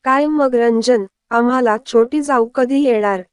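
Lady doing a chatty playful young wife, bright high voice. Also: a little slow, clear, resonant tone, no room sound, studio quality, natural voice. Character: young woman, playful daughter-in-law.

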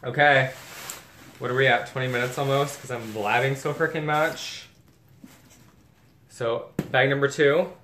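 His mid-range voice is steady, pushed and bright, moving a little slowly with long pauses. He's a chatty vlogger gushing over bags in a casual unboxing, recorded in an echoey room with faint background noise.

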